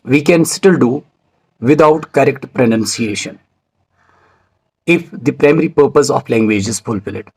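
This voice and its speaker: A man teaching English pronunciation in a scripted video lecture, speaking in a measured, formal way and spelling out words letter by letter. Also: medium pitch, husky, poor audio.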